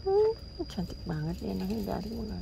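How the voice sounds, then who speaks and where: A woman's voice: normal speed, darkish tone. Woman cooing at pets outdoors. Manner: coos and scolds playfully at pets, high-pitched calls. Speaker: vlogger. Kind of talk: casual vlog talking to viewers and pets. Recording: faint outdoor noise with crickets.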